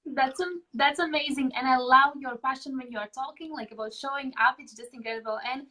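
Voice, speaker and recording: Enthusiastic woman host, slightly high voice. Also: fairly even intonation, fairly quick, bright, forceful tone, rough recording. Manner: enthusiastic, effusive praise. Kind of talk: casual interview talk.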